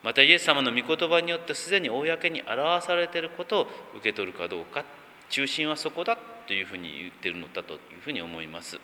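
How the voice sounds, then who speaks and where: Bright-voiced male pastor in a reverberant room. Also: mid-range voice, lively intonation, a little hiss or hum. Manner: measured reading, then rambling with many fillers. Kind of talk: scripture reading and informal sermon talk. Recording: long reverb.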